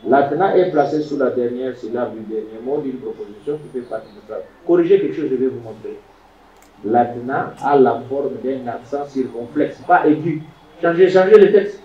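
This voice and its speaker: A man teaching a Hebrew lesson, animated and emphatic, sounding out words syllable by syllable. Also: mid-range voice, moderate pace. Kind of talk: classroom lecture. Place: classroom. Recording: echoey room, distant mic, dull lo-fi sound.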